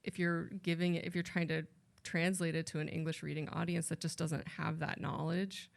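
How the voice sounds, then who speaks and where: At a library event, a translator on the panel talks casually at normal speed, her low-pitched voice gravelly and flat. She rambles thoughtfully and keeps correcting herself partway through sentences.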